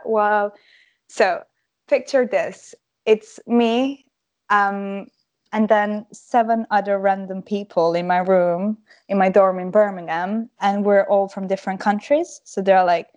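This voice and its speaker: A woman's voice: mid-range voice, steady tone, unhurried, a little mellow, dull audio. A 21-year-old woman from Croatia, chatting as a podcast guest, giggling often and filling her talk with "like". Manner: giggly, chatty, many "like" fillers. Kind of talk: casual podcast interview.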